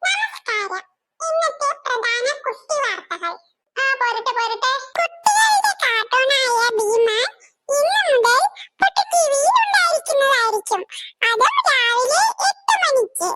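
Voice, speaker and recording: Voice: very high voice, big pitch swings, measured pace, noisy background, voice pushed up, exaggerated voice. A voice actor playing a radio newsreader in a cartoon, announcing formally. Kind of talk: cartoon voice acting.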